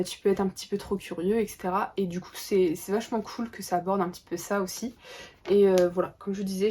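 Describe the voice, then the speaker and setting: A woman's voice: medium pitch, darkish tone, breathy edge. A young woman talks casually to her viewers about the month's new manga. She hesitates often, filling gaps with little "uh"s and restarting phrases as she goes. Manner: chatty, many filler "euh"s and restarts. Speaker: book and manga YouTuber. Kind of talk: casual vlog book review.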